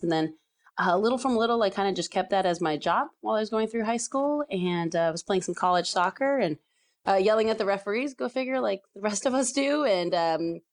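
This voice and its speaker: Guest spot: woman in her 30s, low-pitched, chatty and laughing, lots of fillers. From San Diego, California. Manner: chatty, laughs often, many fillers and restarts. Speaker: soccer referee guest. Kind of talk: casual podcast interview.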